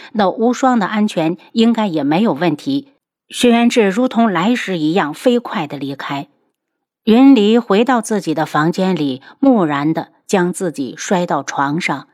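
Female audiobook narrator, lowish voice, even storytelling pace. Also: no room sound, clean studio sound.

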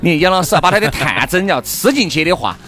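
A man's voice: high-pitched, sing-song, fast talker, fairly bright tone. A man with a Sichuan accent hosting a radio show in a jokey, teasing way. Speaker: radio host. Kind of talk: bantering talk show chat.

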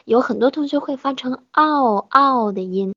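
A woman teaching pronunciation in an online lesson, patient and encouraging, slowly modelling sounds for her students. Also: sits high, a bit bright, no echo, lo-fi sound.

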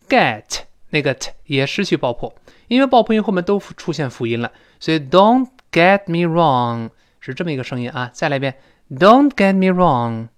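Animated man teaching English pronunciation. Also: a little high. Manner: animated, models English phrases slowly and loudly. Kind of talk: spoken English lesson.

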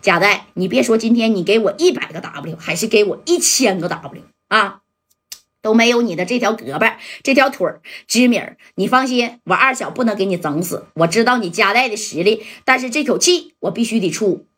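A woman's voice: mid-range voice, lively intonation, a little fast, fairly bright tone, husky. A woman voicing a cocky young male thug in a spoken crime story, sneering and bullying.

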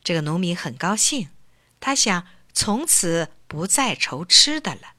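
Bright, lively woman storyteller. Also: fairly low pitch, unhurried, no room sound. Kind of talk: children's story narration.

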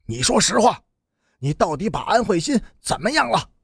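Male narrator doing a righteous young hothead, stern and indignant, husky voice, storybook reading. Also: fairly high pitch, very animated, unhurried, no room sound, clean studio sound, full character voice. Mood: furious. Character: righteous angry young man challenging a rival.

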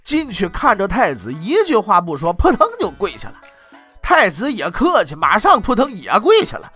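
A man's voice: sits high, wildly swooping pitch, moderate pace, sharp tone, breathy edge, soft background music. A man telling history in traditional comic storytelling style, with wry, mocking asides.

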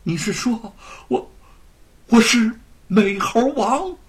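A man voicing an anguished middle-aged male scholar who shouts and laughs through tears. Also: sits high, expressive, slow, breathy edge, voice pushed up, exaggerated voice. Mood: broken.

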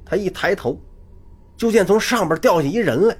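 A man telling a traditional Chinese story, dramatic and animated, with vocal sound effects. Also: high-pitched, moderate pace, background noise.

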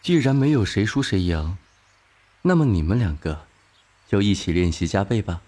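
A man voicing a young male tennis captain who hands out punishments with calm, smiling menace. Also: on the low side, normal speed.

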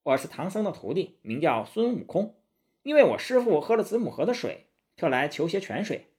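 A man voicing a cocky, quick-witted male monkey king in a storybook tale, brash and self-assured. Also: on the high side, big pitch swings, darkish tone, pitched above the performer's own voice. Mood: eager.

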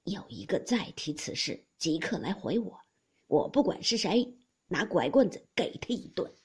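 A woman voicing an elderly grandmother who heads a great household, scolding sharply and lively in a breathy voice. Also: on the low side, normal speed, full character voice. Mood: teasing. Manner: sharp scolding, then teasing. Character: elderly matriarch grandmother, scolding yet doting.

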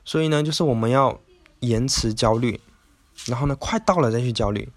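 A man's voice: mid-range voice, brisk, no room sound. Chatty man with a dry close sound. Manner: chatty, rambling, many filler particles. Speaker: podcast host. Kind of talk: casual self-help talk.

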